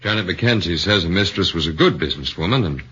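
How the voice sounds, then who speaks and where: In a 1940s radio drama heard on a muffled old broadcast, a man plays a shrewd, middle-aged defense lawyer who questions in a probing, measured way. He gives it a full character voice: low, animated and bright, with a forceful, slightly rough tone.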